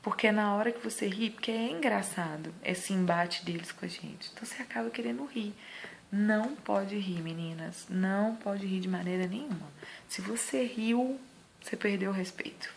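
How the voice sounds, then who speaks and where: A Brazilian mother talks straight to camera with earnest emphasis, sharing how she sets limits for her child. Her voice has a gravelly edge at a mid pitch. A faint hiss of background noise sits under the recording. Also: normal speed. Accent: Brazilian Portuguese. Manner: earnest, emphatic, acts out scolding lines. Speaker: mother giving parenting advice. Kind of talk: casual advice vlog.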